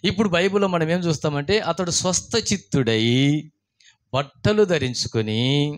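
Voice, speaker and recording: A man's voice: a little high, animated, moderate pace. A man, a pastor preaching a sermon, telling stories and asking the congregation questions. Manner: asks the congregation questions, acts out scared voices in stories. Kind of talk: sermon with storytelling.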